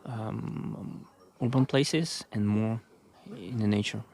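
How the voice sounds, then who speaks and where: A man from Russia talking as a podcast guest, choosing his words slowly and carefully, with many pauses. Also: on the low side, creaky, darkish tone. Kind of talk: casual conversation. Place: outdoors on a walking trail.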